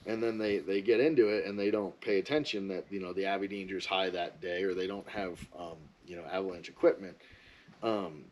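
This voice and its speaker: A man talks in a loose, rambling way and freely shares his opinions in a casual vlog. His voice sits on the low side, with a husky, slightly breathy grain. He sounds like someone chatting straight to his viewers. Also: fairly even intonation, a little fast, a little mellow, poor audio. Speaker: ski vlogger. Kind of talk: casual monologue.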